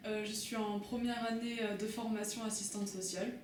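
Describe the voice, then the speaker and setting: A young woman from southwest France speaks in a flat, even tone. She sounds distant from the mic. The echoey room carries faint noise. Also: mid-range voice, brisk. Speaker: social work student.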